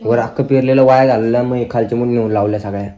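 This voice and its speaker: A man's voice: medium pitch, fairly even intonation, fast, warm tone. A man vlogging casual family chat at home, teasing his wife in a playful way. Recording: dull lo-fi with faint noise.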